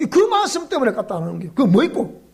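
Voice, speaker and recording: A man's voice: extremely high pitch, huge pitch swings, quick pace, vocal fry, a little mellow. A male pastor with a Gyeongsang accent, preaching in a joking way, quizzing the congregation and laughing often. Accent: Gyeongsang Korean. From South Gyeongsang, Korea. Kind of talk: sermon at a weeknight Bible school. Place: church.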